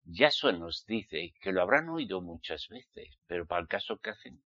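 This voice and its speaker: Low-pitched but fairly bright, a Spanish-accented religious preacher from the Basque Country speaks at normal speed in a dull recording with no room sound. He delivers a fiery, emphatic sermon, admonishing listeners and questioning them rhetorically.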